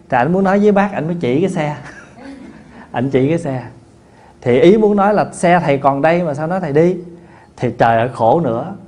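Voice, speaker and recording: Chatty monk giving a talk. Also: male voice, a little high. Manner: folksy and conversational, with many fillers and restarts; tells lively anecdotes with laughter. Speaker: Buddhist monk teacher. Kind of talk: dharma talk answering questions.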